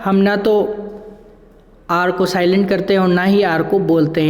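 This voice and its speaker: A man's voice: high voice, a little mellow. Man lecturing in an echoey hall. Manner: drills words by asking and answering his own questions. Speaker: English pronunciation teacher. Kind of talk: recorded lecture. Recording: echoey hall with long reverb.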